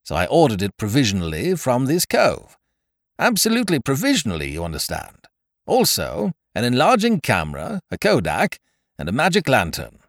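A man's voice: medium pitch, wildly swooping pitch, normal speed, no echo, studio quality, voice pushed up. A man voicing an aggrieved, blustering young male scrounger who talks querulously and with heavy emphasis. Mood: explaining.

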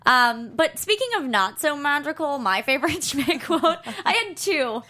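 A woman's voice: high voice, lively intonation, normal speed, bright, forceful tone. A young woman co-hosting a podcast, chatting casually and emphatically with a giggly manner. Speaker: podcast co-host. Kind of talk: casual chatty TV recap conversation.

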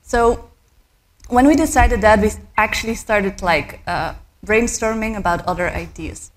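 A woman's voice: medium pitch, unhurried. A woman in her thirties from Belgium, a startup co-founder giving a conference talk, hesitant with many fillers, and she has a cold. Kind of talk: conference presentation.

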